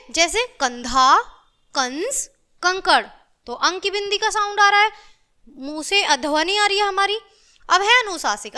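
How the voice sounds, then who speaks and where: A woman's voice: extremely high pitch, pushed and bright. A woman teaching a grammar lesson to children, patiently repeating and drawing out each sound as she goes. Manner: patient, repetitive, drawn-out enunciation of sounds.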